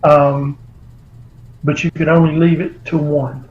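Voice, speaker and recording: A man's voice: a little high, little pitch movement, slow, a little mellow. Man telling stories over a muffled call. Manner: anecdotal, rambling storyteller. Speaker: author guest. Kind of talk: remote interview. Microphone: video call.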